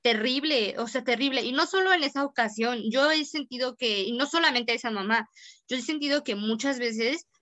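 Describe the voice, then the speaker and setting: A woman's voice: high voice, a little fast, sharp tone, dry recording. A young Mexican woman co-hosting a podcast, telling a story in casual chat full of slang. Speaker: podcast co-host.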